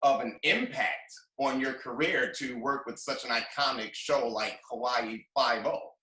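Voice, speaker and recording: A man hosting an entertainment interview, upbeat and quick with little affirming noises. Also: medium pitch, sharp tone. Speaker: interview host. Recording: roomy echo.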